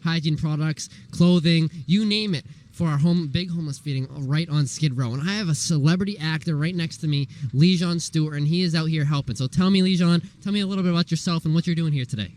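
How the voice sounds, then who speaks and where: Man, enthusiastic host, fast talker, fairly high voice. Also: darkish tone. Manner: upbeat, enthusiastic. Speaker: nonprofit co-founder, host. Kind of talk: energetic video intro. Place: outdoor volunteer event.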